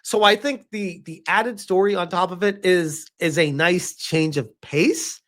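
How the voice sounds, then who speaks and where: Speaking a little slowly in a high, slightly bright voice, this streamer reads through a game review and reacts as he goes. He trades remarks with his live chat, sounding exasperated and sarcastic, and he's quick to chuckle or curse.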